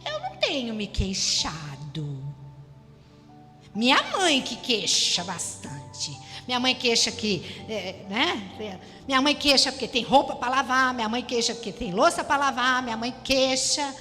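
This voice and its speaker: Bright-voiced Brazilian woman preaching. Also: a little high, big pitch swings, unhurried. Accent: Brazilian Portuguese. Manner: repetitive, exhorting the congregation. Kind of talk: sermon. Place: church hall. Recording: church hall reverb with music.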